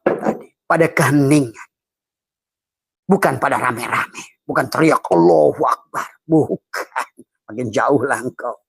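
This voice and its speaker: A middle-aged man gives informal spiritual teaching in a husky voice, recorded dry and close. He speaks in a fatherly way and chuckles often between phrases. He slows down to draw out chanted Arabic phrases. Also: mid-range voice, dry recording. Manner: calls himself a fatherly elder, addresses listeners as friends; chants Arabic phrases in a slow, drawn-out cadence.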